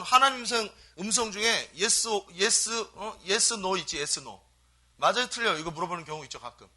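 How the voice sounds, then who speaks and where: A middle-aged male pastor delivers a sermon in a very bright, ringing voice pitched a bit high. He preaches emphatically and keeps asking the congregation questions. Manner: emphatic call-and-response preaching.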